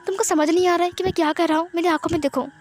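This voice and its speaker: A woman's voice: extremely high pitch, fairly even intonation, very fast, soft background music, voice pushed up. A woman voicing a lovesick young woman who pleads and presses with questions, in a read-aloud fan story. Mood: pleading.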